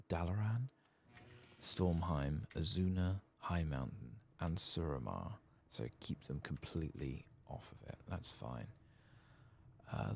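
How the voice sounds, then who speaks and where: Soft-spoken and very deep-voiced, a man with a husky, gravelly tone murmurs unhurriedly while narrating a video game in ASMR style. There is slight background noise.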